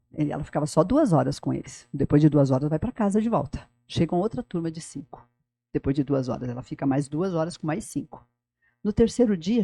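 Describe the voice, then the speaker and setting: Fast-talking São woman, low warm voice. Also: no room sound. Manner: animated storytelling, talks to the listener directly. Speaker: guest, former school director. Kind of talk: casual podcast interview.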